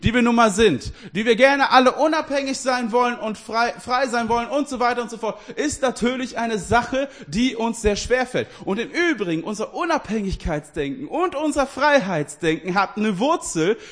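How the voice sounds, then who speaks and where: A man's voice: extremely high pitch, expressive, moderate pace, hardly any pauses, fairly bright tone. A man giving a casual sermon, talking straight to his listeners with frequent restarts and light laughter. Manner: informal, addresses listeners directly, laughs often; restarts and self-corrections. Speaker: preacher.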